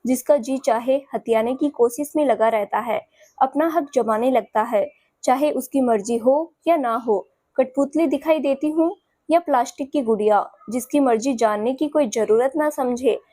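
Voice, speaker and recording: A woman's voice: sits high, normal speed, warm tone, no echo. A woman voicing a hurt, stubborn young woman who talks back sharply and defiantly in a storybook. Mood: tearful.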